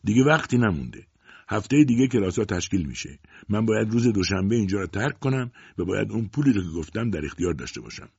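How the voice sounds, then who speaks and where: A man's voice: lowish voice, big pitch swings, creaky, slightly rough, no echo, dull audio, full character voice. A man voicing a young man who pleads earnestly and insistently with his father in an audiobook.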